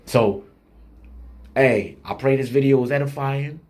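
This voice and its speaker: A man preaching an online sermon in a blunt, street-style manner, slowing down to read scripture with emphasis and using rhythmic repetition. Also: medium pitch, darkish tone. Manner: slows down and reads scripture with emphasis.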